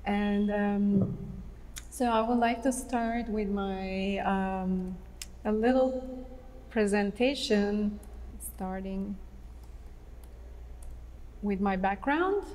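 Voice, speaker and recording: Turkish-accented woman, slow and hesitant. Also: medium pitch, a little mellow, big-room sound, distant mic, poor audio. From Turkey. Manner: hesitant, many fillers and restarts. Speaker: visual artist. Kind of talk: artist talk presentation. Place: museum atrium.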